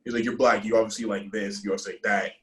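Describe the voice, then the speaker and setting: A man's voice: on the low side, steady tone, very fast, fairly bright tone, poor audio. A man in his twenties talking casually and loosely, with lots of fillers, in a video call interview. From United States. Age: 20s.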